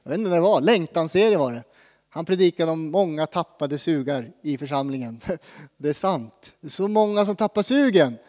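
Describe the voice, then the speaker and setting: A man's voice: a little high, expressive, a little mellow, long reverb tail. A man preaching a sermon in a conversational way, asking the congregation questions. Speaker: pastor.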